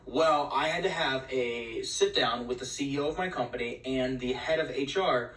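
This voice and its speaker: A man's voice: mid-range voice, normal speed, a bit bright. A man from New York telling a work story to camera in a matter-of-fact, wry way. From New York, United States. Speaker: clip storyteller. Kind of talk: casual short-video storytelling. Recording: echoey phone video from a distance.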